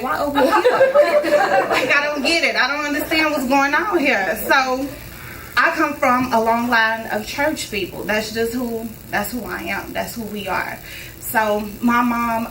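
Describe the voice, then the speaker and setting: A woman's voice: a little high, pushed and bright, a little hiss or hum. A young woman speaking to a live audience before her performance, telling a personal story casually and repeating phrases for emphasis. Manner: conversational, repeats phrases for emphasis, talks to the crowd. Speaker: spoken word performer. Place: live concert venue. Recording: roomy live sound from a distance. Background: faint audience ambience.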